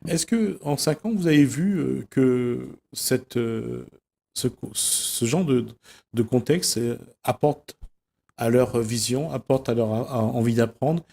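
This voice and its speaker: A male TV host asking guests halting, hesitant questions in a studio interview. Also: mid-range voice, vocal fry, warm tone.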